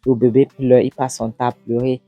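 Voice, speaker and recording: A woman's voice: very deep voice, level tone, moderate pace, dry recording, dull audio, soft background music. A woman narrating a film recap in a casual way, retelling the scenes and often repeating and restarting her words.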